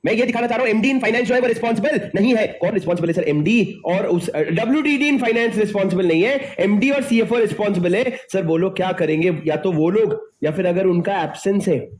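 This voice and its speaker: A man's voice: sits high, a little fast, hardly any pauses. A male teacher giving an exam-prep lecture, mixing Hindi and English, who keeps quizzing his students and then answering himself.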